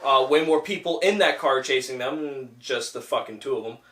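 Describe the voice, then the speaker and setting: A man's voice: mid-range voice, a little fast, pushed and bright. A young man hosting a casual podcast, rambling with lots of fillers and swearing. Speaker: podcast host and filmmaker. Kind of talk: casual chat. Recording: echoey room, far from mic.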